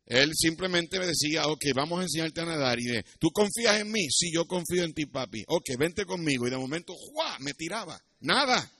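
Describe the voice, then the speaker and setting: Middle-aged male pastor, sermon delivery, bright tenor, animated and emphatic. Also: on the high side, a little fast, hardly any pauses, no room sound, clean studio sound. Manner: animated storytelling preacher, rises to loud emphatic passages. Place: church.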